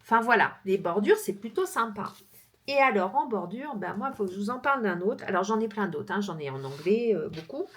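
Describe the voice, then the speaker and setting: A woman's voice: mid-range voice, animated, fairly quick, a bit bright. A woman crochet vlogger from France chatting casually as she shows her books, with frequent fillers and easy laughter. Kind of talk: casual chat showing books.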